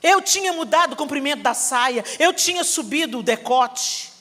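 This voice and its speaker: A middle-aged Brazilian woman preaching a sermon, telling a family story with animated acting and bursts of shouting. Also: sits high, normal speed. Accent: Brazilian Portuguese. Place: church hall. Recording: reverberant hall, live sermon.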